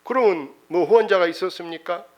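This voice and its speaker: Picture a stern, formal company chairman, as a preacher puts him on during a sermon story. He asks his questions in a measured, businesslike way. His voice sits a touch higher than most men's. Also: natural voice. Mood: questioning. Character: stern older male company chairman interviewing.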